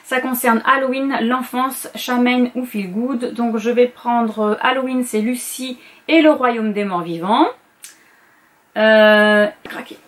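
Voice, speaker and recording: A woman's voice: fairly high pitch, slow pace. A woman book vlogger in a casual chat to camera, going through her reading list and often hesitating and correcting herself.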